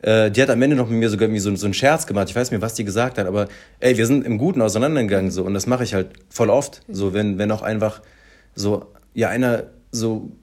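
With a fairly low voice and fast delivery, a man chats casually through an everyday story, lively and filler-heavy, imitating the people he quotes.

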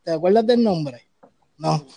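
High-voiced Puerto Rican male host. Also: lively intonation, a little slow, gravelly, dark tone, dry recording. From Puerto Rico. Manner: enthusiastic, slangy interjections. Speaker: radio host. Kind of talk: casual interview.

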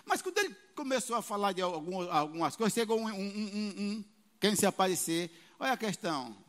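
A man preaching as a pastor, animated, with sudden loud peaks and quoted voices, in a church hall. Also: sits high, brisk. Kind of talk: sermon.

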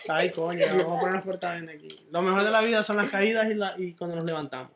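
A man's voice: high voice, steady tone, fast, very noisy. Playful man hosting a podcast. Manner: playful, rambling, asks the questions. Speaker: podcast host. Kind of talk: casual chat.

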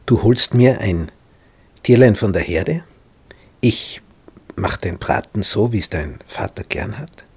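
A man voicing Rebekka, a scheming mother who speaks in a hushed, conspiratorial whisper. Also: on the low side, lively intonation, slow pace, long pauses, breathy edge, no echo, heavily acted.

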